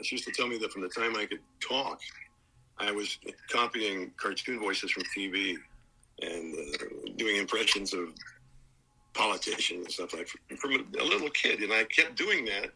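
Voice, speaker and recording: An older man with a gravelly, husky voice tells stories as an interview guest. His tone is bright and cutting. He chats easily and now and then drops into a character voice. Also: on the low side, low-quality recording. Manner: chatty storyteller, slips into character voices. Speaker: voice actor guest. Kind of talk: casual interview.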